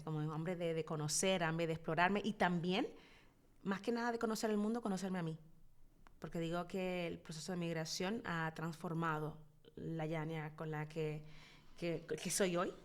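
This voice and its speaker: A woman in her thirties with a Dominican accent and a fairly low voice tells her story as an interview guest. She is expressive and reflective, often pausing to gather her thoughts. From Dominican Republic. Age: 30s. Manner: expressive, reflective, with frequent hesitations. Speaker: psychologist guest.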